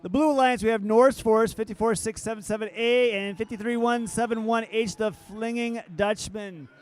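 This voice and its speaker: High-voiced man calling robot matches. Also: steady tone, fairly quick. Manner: upbeat, joking with the crowd. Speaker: announcer. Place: event hall.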